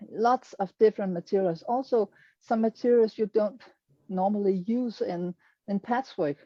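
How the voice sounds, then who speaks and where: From Denmark, a quilter presents her work to an online audience, speaking slowly and hesitantly as she searches for English words, with some self-deprecating humor. Her mid-range voice has no room sound, and the highs are cut off.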